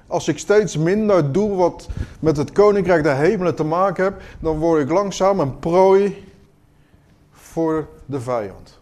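A man preaching a sermon in an earnest, questioning way, moving between quiet moments and emphatic ones. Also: high-pitched.

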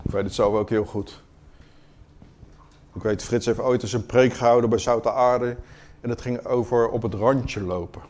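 A man's voice: medium pitch, fairly even intonation, normal speed, long pauses, slight background noise. Earnest man preaching a sermon. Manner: earnest, questioning, swings between quiet and emphatic.

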